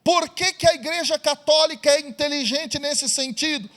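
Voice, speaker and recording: High-voiced preacher in a hall. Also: male voice, normal speed, sharp tone. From Brazil. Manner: storytelling, asks the audience questions. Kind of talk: sermon.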